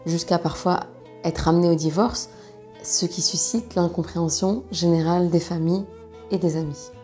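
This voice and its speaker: Low-pitched female sexologist, gravelly edge. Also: warm tone. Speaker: sexologist presenting a video. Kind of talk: educational explainer to viewers.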